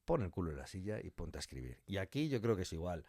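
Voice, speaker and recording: In an animated podcast interview, a man who writes and directs audio fiction talks emphatically about his creative work, often performing little quotes. He is low-pitched and fast, with big pitch swings and a darkish tone, captured in clean, dry studio sound.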